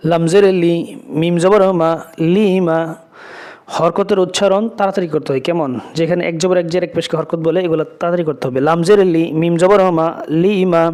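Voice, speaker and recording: A man teaching Quran reading, spelling out letters and vowel marks and chanting the words slowly, with brief quicker explanations of each rule. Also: sits high, steady tone, a little mellow. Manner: drawn-out chanted recitation between quick spoken explanations; asks "কেমন?" after each rule.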